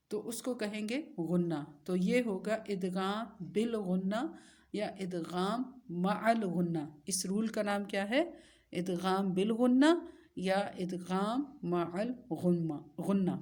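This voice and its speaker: A woman teaching a recitation lesson, patiently asking questions and answering them, and spelling letters out slowly. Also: mid-range voice, a little mellow.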